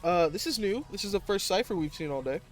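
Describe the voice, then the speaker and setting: A man hosting and casting an amateur online game tournament, laughing often and jumping up in pitch when excited. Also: fast, faint music behind. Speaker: tournament host and caster. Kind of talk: casual esports commentary.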